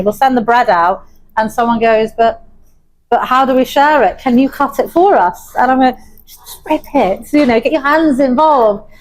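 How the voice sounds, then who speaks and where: Young female chef from Wales, interviewee; enthusiastic, laughs a lot, slightly high-pitched. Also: poor audio. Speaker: chef and pub owner. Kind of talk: interview conversation.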